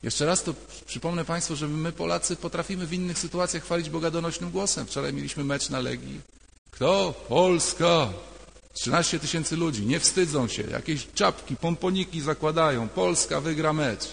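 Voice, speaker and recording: An older man preaches a sermon in a conversational yet emphatic way and returns to key phrases again and again. His voice sits a little high. A long church reverb trails every phrase. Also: brisk, gravelly, hardly any pauses, fairly bright tone. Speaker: priest.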